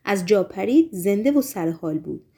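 A woman narrating a novel as an audiobook in a steady, measured storytelling voice that softens in descriptive passages. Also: medium pitch, gravelly.

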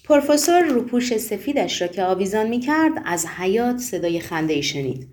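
Mellow-voiced woman narrating a story. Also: medium pitch, very animated. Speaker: audiobook narrator.

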